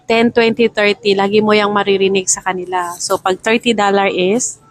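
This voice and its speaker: A woman's voice: medium pitch, steady tone, normal speed, low-quality recording. Chatty filipina lady teaching travel words, laughs at herself, copies market sellers. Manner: chatty, laughs at her own confusion, mimics market vendors' calls. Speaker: vlogger explaining travel phrases. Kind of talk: casual explanatory chat.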